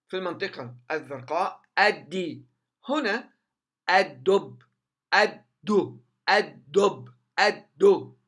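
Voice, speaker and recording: A man, an Arabic speaker, teaching a bilingual language lesson and repeating words in slow, emphatic drills. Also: on the high side, sharp tone.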